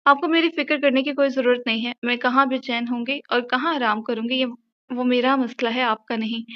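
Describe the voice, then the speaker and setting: A woman voicing a stubborn young wife in an audio novel, answering back in sharp, reproachful retorts. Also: fairly high pitch, steady tone, brisk, highs cut off, close to an everyday voice. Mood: defiant.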